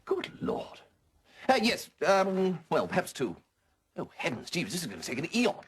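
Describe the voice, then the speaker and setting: A dithering young English gentleman, high-pitched and lively, who stumbles over his words. His voice bounces about as he hedges. Clear background noise from a TV drama sits behind him. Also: normal speed. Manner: hesitant, stammering, full of ums.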